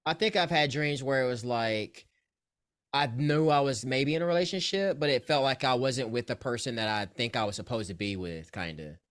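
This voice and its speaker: A man's voice: mid-range voice, moderate pace, a bit bright. A man in his late thirties, a podcast guest, chatting casually in a laid-back way. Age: 30s. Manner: laid-back, brief replies. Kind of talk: casual chat.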